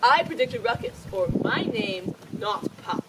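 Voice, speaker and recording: A woman's voice: on the high side, huge pitch swings, measured pace, heavily acted. A woman playing a cheeky, mischievous fairy sprite, reciting verse to the audience in hammy, declamatory stage style. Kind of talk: theatrical verse narration on stage. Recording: noisy live stage, distant microphone.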